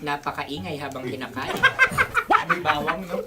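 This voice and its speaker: A woman's voice: low voice, wildly swooping pitch, moderate pace, gravelly, heavy background noise. A woman co-hosting a radio show, bantering playfully and teasing with frequent laughter. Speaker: radio co-host. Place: radio studio.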